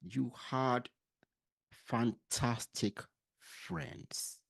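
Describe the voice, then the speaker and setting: Very deep slow gravelly woman host. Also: no room sound, clean studio sound. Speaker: podcast host. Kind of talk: casual interview chat.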